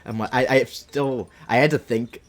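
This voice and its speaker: Live gaming commentary comes from a man in his late twenties who chats playfully, wanders off topic, and interrupts himself. He has a mid-range voice with fairly even intonation and a normal pace.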